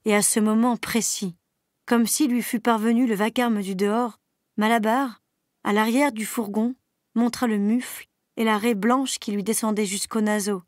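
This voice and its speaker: A woman teacher reading a novel aloud in a steady, even storytelling manner. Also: a little high, normal speed, no echo, clean studio sound.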